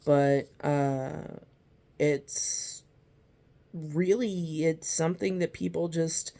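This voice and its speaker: Slow-talking garden vlogger, lots of ums and sorry's, just chatting thru an unboxing. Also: mid-range voice, vocal fry, mellow. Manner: rambling, filler-heavy, apologetic asides; reads seed-packet descriptions aloud. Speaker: gardening video host. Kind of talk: casual unboxing and seed review.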